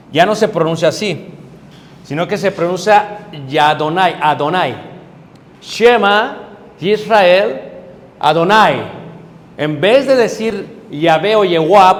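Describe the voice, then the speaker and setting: A middle-aged man, a preacher, teaching a Bible class, explaining step by step, checking in with his listeners and pausing on hesitant fillers. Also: a little high. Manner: hesitant fillers while searching for words. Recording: reverberant hall with faint background noise.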